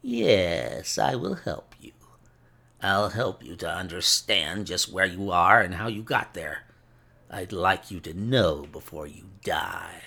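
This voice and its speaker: A man's voice: sits low, very animated, slow pace, vocal fry, pushed and bright, breathy edge, exaggerated voice. A man voicing a gloating, cruel villain in an audiobook story, taunting with smug mock politeness.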